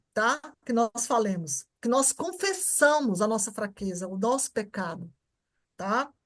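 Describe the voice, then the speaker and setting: A woman with a Brazilian Portuguese accent teaching an informal Bible class at church. She repeats her points and keeps checking that the class understands. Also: high voice. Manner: repetitive, keeps checking understanding with short tags.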